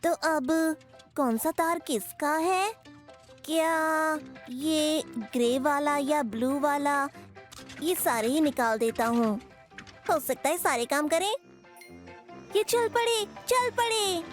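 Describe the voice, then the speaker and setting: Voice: high-pitched, slow pace. A performer voicing an eager young male bear cub inventor in a dubbed cartoon, talking in a bustling, self-assured way. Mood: busy. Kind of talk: Hindi cartoon dubbing. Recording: music playing underneath.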